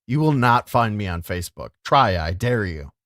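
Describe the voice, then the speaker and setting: An animated man hosts a casual podcast, his pitch leaping up and down as he talks, loud one moment and quiet the next. He swears freely. The sound is dry and close to the mic. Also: normal speed, dry recording. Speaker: podcast host.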